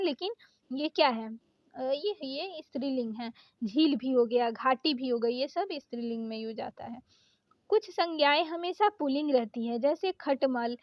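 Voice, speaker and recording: A woman with a high voice gives an exam-prep grammar lesson, reading words out one at a time between short hesitant fillers. The sound is dry and close, with a slightly dull, muffled tone. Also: no room sound. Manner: reads out word lists with many pauses and "अ" fillers. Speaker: teacher.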